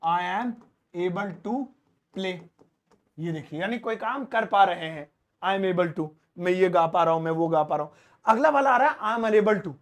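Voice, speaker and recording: A man teaching an English lesson in a casual, chatty way, stretching words out slowly as he writes them on the board. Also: sits high. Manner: lively, stretches words slowly when writing; talks to an off-screen helper.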